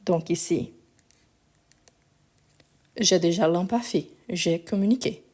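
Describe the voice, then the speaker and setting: Her voice lowish and dark, a French teacher moves slowly through a live online grammar lesson. She explains patiently step by step, spelling endings letter by letter, and the phone recording makes her sound a bit weak.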